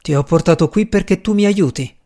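A man voicing a mad, unkempt male magician who speaks in a slow, hushed, menacing whisper. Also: sits high, pitched above the performer's own voice, natural voice. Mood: intense.

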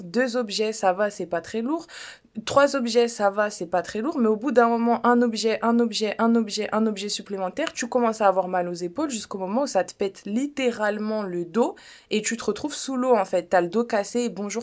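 Chatty blunt woman podcaster. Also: medium pitch. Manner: chatty, blunt and playful, slips in joking foreign-accent bits. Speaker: podcast host. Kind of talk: casual self-help podcast monologue.

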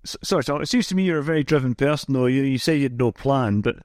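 A man's voice: mid-range voice, fast, darkish tone, no room sound, studio quality. A man hosting the podcast, asking long, rambling questions. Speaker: podcast host. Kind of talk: interview questions.

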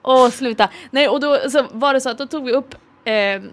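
Woman, podcast co-host, casual banter, excitable, crude humor, fairly high voice.

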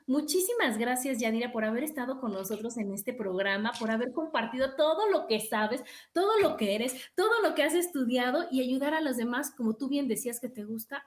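A woman's voice: sits high, echoey room. A woman hosting a talk show, speaking with enthusiasm and emphatic repetition. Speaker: show host. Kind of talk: radio-style talk show.

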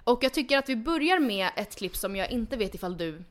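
A woman's voice: fairly high pitch, expressive. A woman hosting a casual chat podcast, talking in a chatty way with frequent fillers and restarts. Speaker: podcast host.

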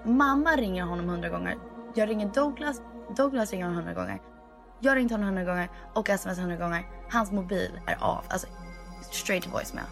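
A young woman telling a story in casual chat, animated and mixing in English phrases. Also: medium pitch, soft background music.

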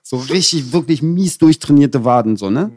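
A man from tells stories as a guest. His talk is loose and full of street slang, and his voice sits a little higher than most men's. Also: lively intonation, moderate pace, darkish tone. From Berlin. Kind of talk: casual storytelling chat.

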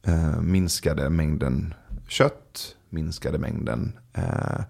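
A man chatting as a podcast guest, telling stories in a relaxed way with many filler sounds. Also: extremely low pitch, gravelly. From Sweden. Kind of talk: casual storytelling chat.

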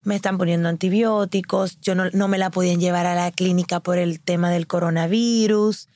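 A woman casually telling a story in a lively way, acting out what others said. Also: on the low side, fairly quick, no echo, clean studio sound. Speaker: guest.

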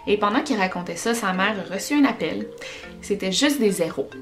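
A woman with a Québécois accent, hosting a podcast and telling paranormal stories in an animated, chatty way. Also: mid-range voice, brisk, faint music behind. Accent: Québécois French. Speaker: podcast host.

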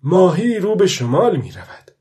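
A man reading an audiobook voices a stubborn old fisherman who calls out loudly across the sea. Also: high voice, very animated, pitched above the performer's own voice. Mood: matter-of-fact. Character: weathered old male fisherman, stubborn and patient.

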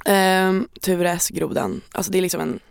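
A woman, casually telling a lively childhood anecdote as a podcast co-host. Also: fairly low pitch, vocal fry, smooth, dry recording, clean studio sound. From Stockholm. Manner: lively anecdotal, acts out quotes, swears casually. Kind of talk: casual chat, storytelling.

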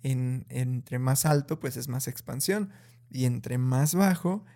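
A man in casual conversation who talks slowly and thoughtfully and raises his voice to act out scolding parents. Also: medium pitch, creaky, warm tone. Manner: slow and deliberate, many fillers.

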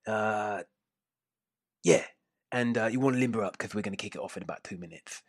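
Battered old fight-pit boss with a lisp, played by a man, casual and breezy, fairly low, dry. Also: brisk, no echo, lightly acted.

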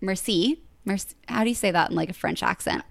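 A woman's voice: fairly low pitch, quick pace, gravelly, dry recording. A young woman co-hosting a podcast, casually retelling a story and filling her speech with "like". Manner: chatty, fills speech with "like".

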